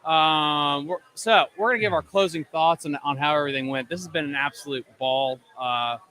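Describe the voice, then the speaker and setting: A man's voice: fairly high pitch, moderate pace, pushed and bright. A man in his thirties, tired but talkative, chatting casually as a fishing show host on a live stream at an event. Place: booth in a large expo hall. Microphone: close desk podcast microphone.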